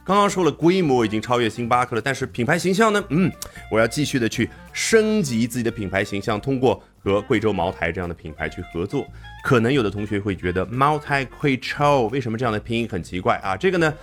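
A man's voice: mid-range voice, fast, faint music behind. A man teaching English, reading English news passages aloud and explaining them in Chinese. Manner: lively, reads English passages aloud then breaks them down.

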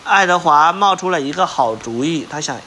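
A man reading a picture book aloud to a child, pausing to ask the listener questions. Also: on the high side, expressive, sharp tone, slightly rough.

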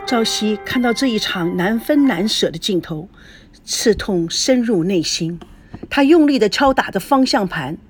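声音沙哑的女有声书朗读者. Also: female voice, medium pitch, husky. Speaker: audiobook narrator. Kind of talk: slow scripted storytelling.

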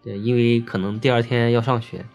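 A man's voice: mid-range voice, a little fast, vocal fry, soft background music. A man telling a ghost story in a chatty, casual way, full of fillers. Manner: chatty, filler-heavy, lively.

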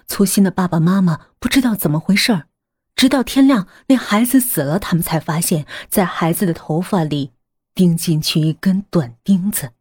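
A woman narrates a suspense novel in a measured, hushed manner. Her voice sits low with a husky edge. The recording is dry and close, with no room sound. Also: no echo. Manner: measured, hushed storytelling that drops to a near whisper. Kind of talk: scripted audiobook narration.

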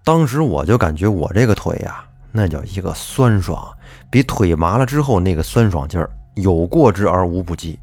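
A man hosting a storytelling podcast, narrating a listener's strange childhood tale in an expressive, dramatic way. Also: low-pitched, moderate pace, husky, no room sound.

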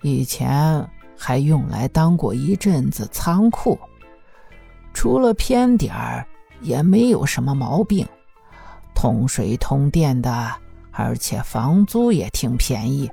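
A gossipy old village grandmother, put on by a male narrator in an audiobook, drawling her words out at a slow, unhurried pace. Her voice is creaky and husky, pitched up high from his own, with a dark, mellow tone. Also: very animated, faint music behind, exaggerated voice. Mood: chatty. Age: over 60. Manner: drawn-out, gossipy, matter-of-fact. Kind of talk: audiobook character voice.

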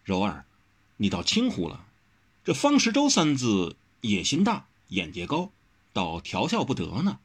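A man voicing a calm, thoughtful young swordsman who explains things in a measured way, in a storybook reading. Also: fairly low pitch, breathy edge, exaggerated voice.

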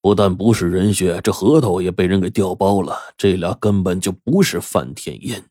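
A man voicing a shrewd, sly old father who speaks low and measured. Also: warm tone, no room sound, studio quality. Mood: knowing.

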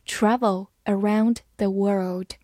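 A woman teaching English vocabulary in a patient, methodical way, spelling words letter by letter and reading sentences slowly. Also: mid-range voice, fairly even intonation, a little mellow, no room sound, clean studio sound. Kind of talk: vocabulary lesson, spelling and slow read-alongs.

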